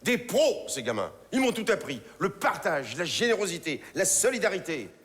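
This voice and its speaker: A teasing, mischievous old vagabond father, proud of his petty thefts. His voice sits fairly high and swoops with lively inflection. It is heard in a reverberant theater hall with faint ambience behind it. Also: moderate pace. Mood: cheeky. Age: older. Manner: teasing, playful, theatrical stage delivery. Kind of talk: stage play acting. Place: theater stage.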